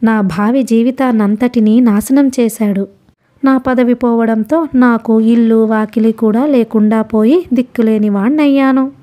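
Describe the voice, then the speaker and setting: Rambling old hermit man, mad and grandiose, fawning and boastful, raised mellow voice, storybook figure, put on by a woman narrator. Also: on the high side, steady tone, unhurried, natural voice. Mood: bitter.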